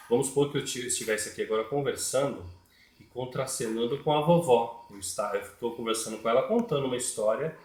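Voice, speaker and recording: A man, teaching puppetry step by step and repeating his points. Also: medium pitch. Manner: repetitive, explains step by step. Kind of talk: tutorial explanation. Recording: echoey room.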